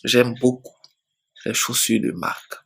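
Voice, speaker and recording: A man telling his personal faith testimony slowly, repeating phrases and often dropping to a soft, near-whispered voice. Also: medium pitch, monotone, vocal fry, slightly rough. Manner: slow storytelling with many repetitions. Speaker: church member giving a testimony.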